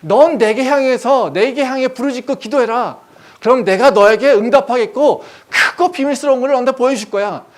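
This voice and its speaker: A man's voice: extremely high pitch, voice pushed up. A man voicing God as a commanding divine father who urges his listener to cry out in prayer. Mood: urgent, commanding. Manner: loud, emphatic, drawn-out commands.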